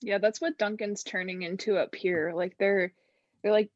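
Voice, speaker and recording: A woman's voice: medium pitch, fairly even intonation, moderate pace, dry recording. A young woman with a New York accent in casual chat, blunt and chatty with lots of fillers. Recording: dull lo-fi sound.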